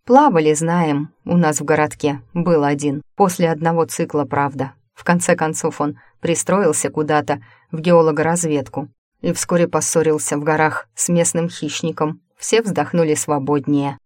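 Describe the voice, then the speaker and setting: A woman's voice: low-pitched, fairly even intonation, normal speed, a little mellow, no echo, studio quality. A woman narrating a first-person story as a scripted audiobook, in a conversational way with wry asides.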